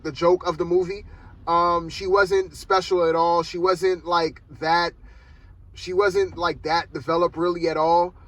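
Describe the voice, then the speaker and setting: A man's voice: high voice, a bit bright, rough recording. A man giving a casual, rambling film review from inside a car, loosely talking with lots of "like" and "man". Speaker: movie reviewer.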